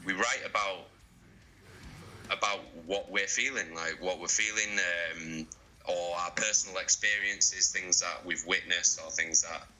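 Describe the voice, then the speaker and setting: A man in a band being interviewed, talking casually, excitable and sweary, laughing often. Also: sits low, measured pace, slight background noise, poor audio.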